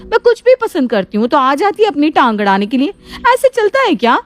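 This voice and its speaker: A woman's voice: sits high, fairly even intonation, a little fast, close to an everyday voice. A woman voicing a resentful younger daughter-in-law who complains of being treated as second best in a cartoon story. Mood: complaining. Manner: aggrieved and complaining.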